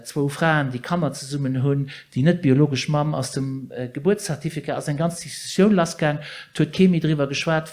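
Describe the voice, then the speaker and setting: A man speaking on a political panel in a somewhat high voice. He sounds urgent and worried, often repeating words and starting his sentences over. His delivery stays intense. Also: darkish tone. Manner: urgent, repeats himself and restarts phrases. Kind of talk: panel debate.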